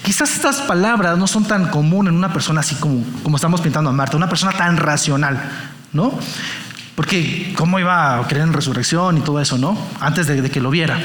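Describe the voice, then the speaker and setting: A man's voice: a little high, fairly bright tone, reverberant. A man preaching a sermon to a live congregation, asking them questions and counting raised hands. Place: church hall with an audience.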